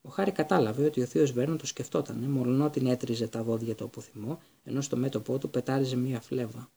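A man narrating an audiobook in an even, storytelling manner. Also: medium pitch, creaky, husky. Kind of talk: scripted narration.

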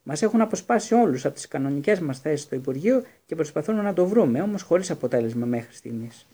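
A man voicing a worried, grim middle-aged father, with a husky, mellow voice. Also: on the high side, animated. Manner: grim, tense.

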